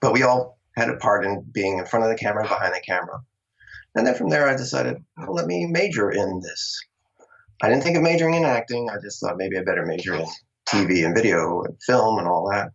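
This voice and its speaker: A middle-aged actor from Long Island, New York, tells stories about how he got started acting in a casual interview, chatty and laughing often. His voice is on the low side, expressive and creaky, at a quick pace, and the recording sounds dull and lo-fi.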